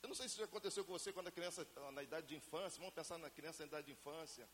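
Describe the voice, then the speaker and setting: A man from Brazil preaching a lively sermon to a congregation and asking them to answer him. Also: fairly high pitch, rapid-fire. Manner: acts out family scenes in everyday voices. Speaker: pastor. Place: church hall. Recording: reverberant church hall, faint hiss.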